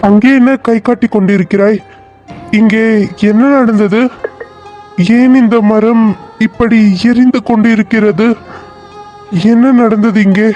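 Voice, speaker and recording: A man voicing a frantic cartoon hero hunting for his lost bride, high voice, faint music behind. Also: fairly even intonation, a little slow, long pauses, darkish tone, lo-fi sound. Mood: demanding. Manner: anxious, repeating questions. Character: young lovesick hero searching for his bride. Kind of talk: cartoon serial voice acting.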